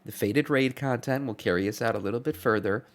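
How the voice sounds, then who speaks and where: A man's voice: mid-range voice, fairly quick. A man streamer giving casual reaction commentary, blunt and chatty, swearing offhand.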